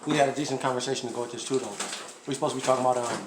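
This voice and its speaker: A man's voice: mid-range voice, fairly even intonation, very fast. A man chatting casually over a meal, dry and a little hesitant about trying new food. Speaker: co-host. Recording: echoey room, loud background noise.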